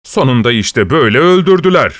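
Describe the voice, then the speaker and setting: A man's voice: mid-range voice, animated, fairly quick, fairly bright tone, no echo, studio quality, lightly acted. A man voicing a weary police commissioner who talks in a resigned, sighing way. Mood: musing.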